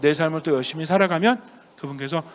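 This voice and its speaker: Priest with a lively, questioning sermon voice. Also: male voice, on the high side, fast, slight background noise. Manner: asks the congregation many questions and answers himself; acts out children's voices in a playful story. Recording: long church reverb.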